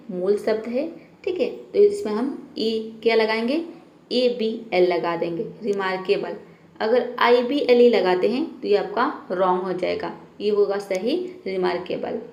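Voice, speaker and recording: A woman's voice: mid-range voice, roomy sound. A woman teaches English spelling rules, patiently asking questions and answering them herself, and often checks in with "theek hai". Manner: keeps saying "theek hai" to check understanding.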